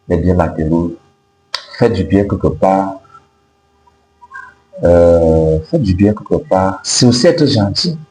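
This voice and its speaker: Guy with in giving life advice, slow and mellow, echoey room w faint hum. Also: on the low side. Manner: emphatic, repetitive, didactic. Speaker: self-help video host. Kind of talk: motivational advice to camera. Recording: roomy echo with faint noise and hum.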